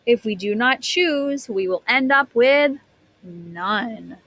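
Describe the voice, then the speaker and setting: A woman's voice: fairly high pitch, expressive, slow, a bit bright, a little hiss or hum. A woman teacher reading a picture book aloud to young children, expressively, stretching words and putting questions to her listeners.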